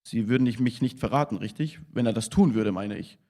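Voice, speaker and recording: A man's voice: mid-range voice, fairly quick, warm tone, natural voice. A man reading the lines of a wealthy, bored English woman who probes and mocks her driver bluntly. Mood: teasing, probing. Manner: probing, mocking, blunt.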